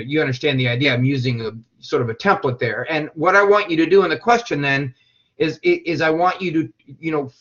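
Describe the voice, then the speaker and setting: A man with a mid-range, slightly bright voice lectures a class, rambling, repeating many words and checking that his students are following. The classroom recording is dull and lo-fi.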